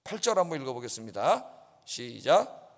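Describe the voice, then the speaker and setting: Male pastor, lively high voice, sermon in a reverberant sanctuary, keeps asking the congregation "yes?". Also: moderate pace, vocal fry. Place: church sanctuary. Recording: long reverb in a church hall.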